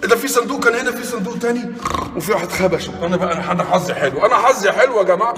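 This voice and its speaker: Egyptian guy vlogging, loud jumpy cursing, fake scared, talks super fast, echoey room. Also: sits high. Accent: Egyptian Arabic. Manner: loud, excitable, cursing, mock-frightened; mixes in broken English. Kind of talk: comic vlog exploring a site. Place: old fortress halls. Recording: echoey hall with ambient noise.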